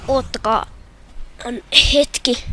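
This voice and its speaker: A young woman with a Finnish accent commenting on her own hockey video game match, shouting and groaning at the plays. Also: a little high, fairly even intonation. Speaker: gamer. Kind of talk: gameplay commentary.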